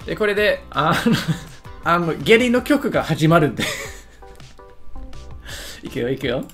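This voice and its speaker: A man's voice: on the high side, very animated, takes it slowly, fairly bright tone, faint music behind. A man giving casual, joking commentary on a lesson video, often stumbling over his words and making fun of himself. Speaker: YouTuber reacting to a lesson video.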